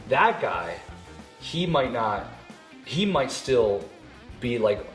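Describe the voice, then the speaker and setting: A man's voice: medium pitch, very animated, slow. A man hosting a casual whiskey-tasting chat, thinking aloud as he talks. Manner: chatty, thinks aloud with restarts. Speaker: host. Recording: roomy echo with music.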